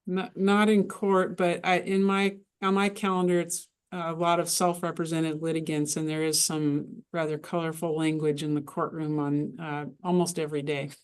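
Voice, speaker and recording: A woman judge speaking on a panel and moderating questions, brisk and lightly amused. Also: low voice, little pitch movement, clean tone.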